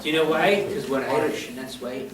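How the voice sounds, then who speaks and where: A man's voice: fairly high pitch, a little fast, very noisy. A man giving a live history presentation to an audience, chatty and constantly checking in with his listeners. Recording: echoey room, voice from far off.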